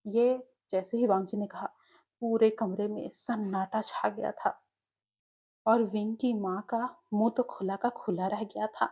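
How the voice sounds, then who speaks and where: Mellow-voiced woman narrating a story. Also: medium pitch, steady tone, unhurried, slightly rough. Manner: conversational, addresses listeners. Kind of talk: casual fan fiction narration.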